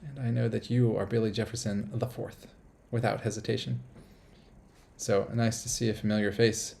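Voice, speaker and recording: A man's voice: lowish voice, little pitch movement, normal speed, creaky, mellow, slight background noise. A man from the United States hosting a casual live stream from a small apartment, rambling upbeat and reading viewer comments aloud.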